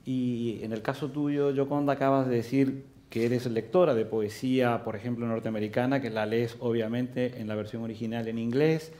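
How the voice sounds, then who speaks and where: A man's voice: medium pitch, a little mellow. Male moderator, book fair panel, methodical questioner. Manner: long, careful questions built up with examples. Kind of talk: moderating a literary round table.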